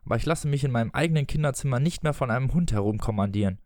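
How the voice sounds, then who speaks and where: A man's voice: medium pitch, animated, racing, a little mellow, no echo, clean studio sound, lightly acted. A man voicing a proud, stubborn father who blusters and feels sorry for himself. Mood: bitter, blustering. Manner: blustering and self-pitying.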